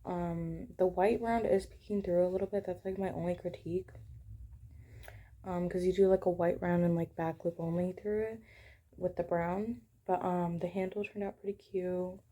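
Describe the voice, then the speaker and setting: A young woman talking casually and softly while showing her crochet work at home, sometimes dropping to a hush. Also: lowish voice, steady tone, normal speed. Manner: soft-spoken, sometimes hushed. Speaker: crochet vlogger. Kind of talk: casual crochet tutorial chat.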